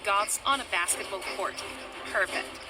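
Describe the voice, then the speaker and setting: A woman's voice: medium pitch, a little slow, lightly acted. A woman playing a tough, sarcastic young girl vigilante in a video game, with a commanding, sardonic manner. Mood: mocking, impatient. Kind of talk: video game cutscene acting. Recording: loud music behind the voice. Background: loud game music.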